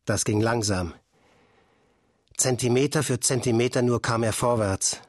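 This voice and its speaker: An audiobook narrator with a mid-range voice reads a scripted children's story in a calm, measured storytelling style. The recording is studio quality with no room sound.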